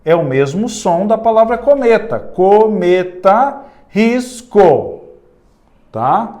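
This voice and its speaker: A man with a Brazilian Portuguese accent teaching an exam-prep grammar lesson, often turning to the class and saying words slowly, syllable by syllable. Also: high-pitched, very animated, dark tone.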